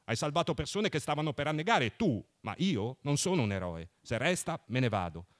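A man's voice: mid-range voice, a little fast, voice pushed up, natural voice. A man reading as a sullen, wary young man. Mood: cold subdued. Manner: quiet, flat, subdued.

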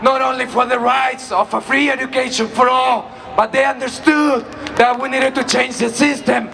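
A man from Chile giving a shouted protest speech at an outdoor rally, his voice worn out from yelling. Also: extremely high pitch, steady tone, moderate pace, creaky. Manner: impassioned, rallying. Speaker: rally speaker. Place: outdoor city rally in front of a large building. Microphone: far camera in the crowd. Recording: distant voice over a noisy crowd. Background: cheering crowd.

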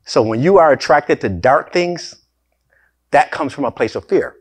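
A pastor preaching a sermon in an animated way, with sudden emphatic rises and laughing asides, speaking. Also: male voice, a little high, normal speed, slightly rough.

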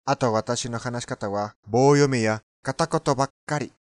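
A man's voice: medium pitch, moderate pace, no echo, clean studio sound. A native Spanish-speaking man with a foreign accent, giving language lesson commentary.

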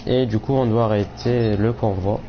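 Steady in tone and moderate in pace, a young man with a lowish voice offers rambling, filler-heavy commentary while streaming a game. He's sick with a cold that throws his voice off a bit, and the muffled mic picks up clear noise around him.

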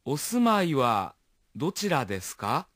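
A man voicing Leo, a polite young man in a language-lesson dialogue. He reads courteous phrases and model sentences slowly and carefully for learners. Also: mid-range voice, sing-song, a bit bright, no room sound, clean studio sound.

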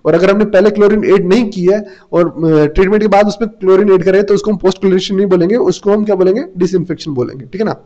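Male exam tutor, high mellow voice, lo-fi sound, lectures in a question-and-answer way. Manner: repeats "theek hai" often, reads English notes slowly, then explains; asks and answers his own questions. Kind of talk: classroom-style lecture.

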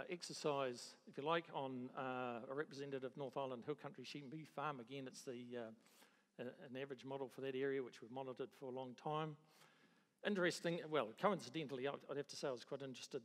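A middle-aged agricultural economist with a New Zealand accent gives a conference presentation into a handheld microphone in a large conference hall. His mid-range, fairly bright voice is halting, full of restarts and dry understatement. The recording carries the hall's reverb.

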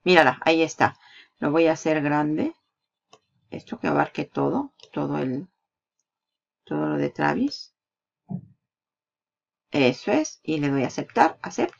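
A woman's voice: low-pitched, expressive, a little slow, gravelly, long pauses. A woman giving a chatty screen-share marketing tutorial, explaining each step with asides. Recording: slightly dull lo-fi sound.

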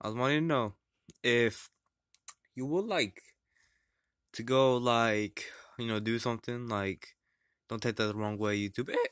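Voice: mid-range voice, unhurried, pauses often, fairly bright tone, clean tone, no echo, clean studio sound, lightly acted. A performer voicing a dim-witted, laid-back male chef puppet in a plush comedy sketch, mumbling and trailing off hesitantly.

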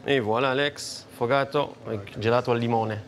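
A middle-aged man, a gelato consultant explaining his craft in a café, animated and gesturing as he talks. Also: mid-range voice, brisk, a little hiss or hum. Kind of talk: explanatory talk to camera. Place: café interior.

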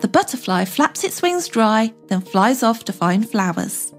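A woman's voice: a little high, big pitch swings, unhurried, faint music behind. A woman speaking as a kids show host, narrating an educational script for young children with simple, encouraging phrases and questions to the viewer.

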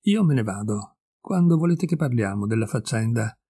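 A man's voice: mid-range voice, lively intonation, moderate pace, mellow, breathy edge. A man reading as an awkward grieving son. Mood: restrained. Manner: hesitant, restrained.

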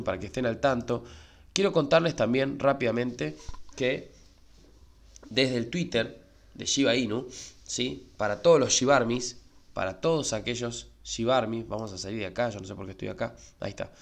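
A man's voice: medium pitch, creaky. A man with an Argentine Spanish accent who runs a crypto channel on YouTube and talks to viewers casually, with lots of "eh" and "¿sí?". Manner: chatty, repeats filler "eh" and asks "¿sí?". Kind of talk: casual spoken market commentary.

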